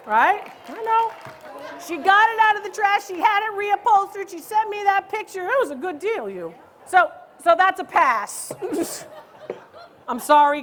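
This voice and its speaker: A woman who appraises antiques and hosts a comedy show, teasing and ribbing her audience loudly and playfully on a live stage. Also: very high voice. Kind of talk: live stand-up style crowd banter.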